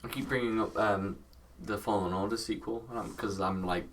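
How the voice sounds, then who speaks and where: A man co-hosting a casual podcast chat, excitable and quick to break into silly voice impressions. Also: lowish voice, distant mic, slight background noise. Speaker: podcast co-host.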